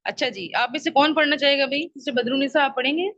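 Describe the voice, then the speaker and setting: A woman's voice: high-pitched, a bit bright, no echo, dull audio. A woman teaching an Arabic grammar lesson. She patiently repeats her questions and checks that her students understand.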